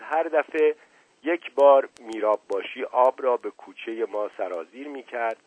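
A man reading a novel aloud at a measured storytelling pace, his husky voice dipping quiet at the ends of sentences. The recording is dry and close, with a narrow, phone-like band. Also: medium pitch, dry recording. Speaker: audiobook narrator.

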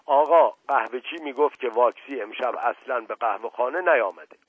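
A man's voice: medium pitch, husky, dry recording, close to an everyday voice. A man voicing a simple, chatty old male servant who rambles in a folksy, earnest way. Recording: dry tinny radio recording.

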